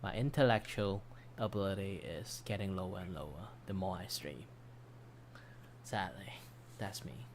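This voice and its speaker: Low-voiced man with a tiring voice. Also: normal speed, pauses often, a little hiss or hum. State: losing his voice. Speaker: streamer, commission artist. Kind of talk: casual livestream chat. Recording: background music under voice. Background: background music.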